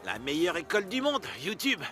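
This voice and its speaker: A man's voice: high-pitched, sing-song, fairly quick, music in the background. An actor playing a cocky, goofy young beach-party guy, brash and slangy, in a French film dub.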